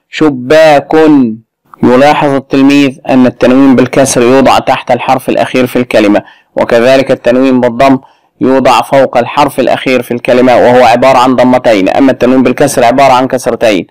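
A man's voice: medium pitch, darkish tone, dry recording. Patient male teacher, dry close sound. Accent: Egyptian Arabic. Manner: patient, explains step by step with questions. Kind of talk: recorded lesson walkthrough.

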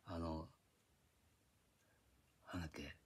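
A man's voice: very deep voice, fairly even intonation, slow. Older man rambling. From Japan. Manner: reminiscing, drifting between tangents, gruff casual speech. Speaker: vlogger. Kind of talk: rambling casual monologue. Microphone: iPad.

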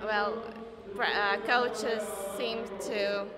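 A woman's voice: mid-range voice, little pitch movement, extremely slow, heavy background noise. A young woman with a Latvian accent, a floorball player answering post-game interview questions in English, hesitant with many fillers. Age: young adult. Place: indoor arena by a sponsor backdrop. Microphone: handheld mic.

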